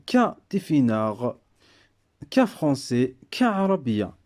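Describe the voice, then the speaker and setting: A man slowly teaching an alphabet letter by letter, hesitant and full of fillers, switching between languages. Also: medium pitch, big pitch swings, darkish tone. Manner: slow, hesitant, many fillers. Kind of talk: alphabet lesson.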